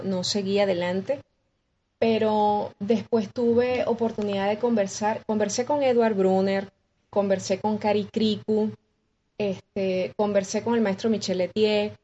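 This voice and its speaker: A Venezuelan woman with a Venezuelan accent, a guest musician recounting her story in an interview with lively acted-out dialogue and frequent restarts. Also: mid-range voice, dull audio, a little hiss or hum. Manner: expressive, acts out quoted dialogue with many restarts.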